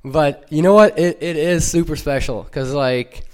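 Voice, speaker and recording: With a fairly high, clean-toned voice, a young Ukrainian man speaking without accent gives an earnest church testimony. He falters repeatedly, using many fillers and starting over.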